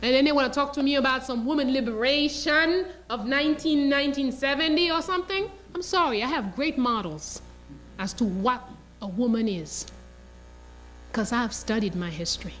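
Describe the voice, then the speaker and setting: A woman's voice: sits high, moderate pace, fairly bright tone, a little hiss or hum, poor audio. A woman lecturing on history as a teacher, telling a story passionately and with emphasis. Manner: passionate, emphatic, acts out quotes.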